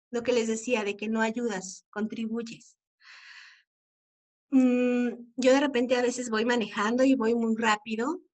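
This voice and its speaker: A middle-aged woman with a Mexican accent speaks to parents in a conversational, earnest way. Her voice sits a little high, and she keeps asking rhetorical questions as she talks. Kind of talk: informal talk to parents.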